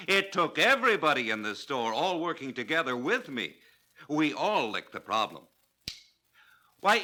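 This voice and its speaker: An actor playing a cheerful, folksy store manager, eager and chummy, in scripted training-film dialogue. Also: male voice, mid-range voice, bright, forceful tone, full character voice.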